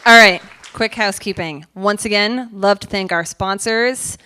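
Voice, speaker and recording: A woman's voice: medium pitch, unhurried, bright, forceful tone, a faint crowd, slight background noise. A woman hosting a conference, giving casual, chatty announcements while losing her voice. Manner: casual, chatty, loose phrasing. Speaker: conference host. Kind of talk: announcements from the stage. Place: conference stage.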